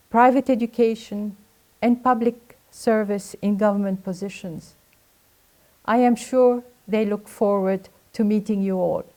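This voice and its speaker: An older woman from Lebanon speaks at a graduation, her voice set a little high and mellow in tone. She reads a formal prepared address in an earnest, exhorting way.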